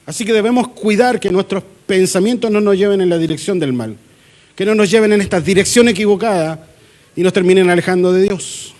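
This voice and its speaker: A Chilean man preaching to his congregation in a fairly high voice. He keeps it conversational, slipping into short acted-out exchanges and light jokes as a pastor. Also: brisk, darkish tone. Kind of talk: sermon. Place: church.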